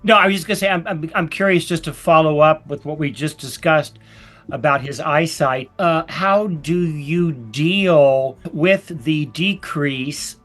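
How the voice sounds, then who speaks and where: A male podcast co-host asks questions over a video call in a playful, teasing manner. He talks very slowly in a fairly high voice, drawing his words out. Faint music runs behind him. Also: a bit bright. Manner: playful, joking. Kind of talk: casual interview questioning.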